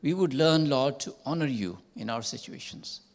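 An older man, a church elder, leading a solemn congregational prayer and repeating "Lord" often. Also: medium pitch. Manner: slow, solemn, measured praying with repeated "Lord".

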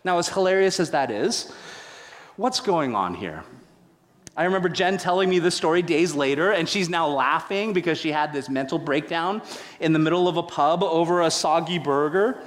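A male pastor delivering a sermon with a somewhat high voice. He tells his story with playful humor and dramatic swings in his delivery. The sound has a long echo, as in a church hall. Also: expressive, normal speed.

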